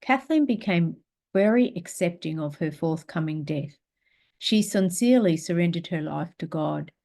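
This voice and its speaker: Low-voiced calm woman guiding meditation. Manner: slow, calm, gentle guidance. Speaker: spiritual teacher. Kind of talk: guided meditation and reading aloud.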